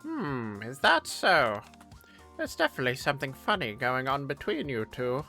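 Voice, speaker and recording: A man doing a gruff old craftswoman. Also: mid-range voice, sing-song, moderate pace, sharp tone, faint music behind, voice pushed up. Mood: teasing. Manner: teasing, nosy, scolding. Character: gruff old female workshop master.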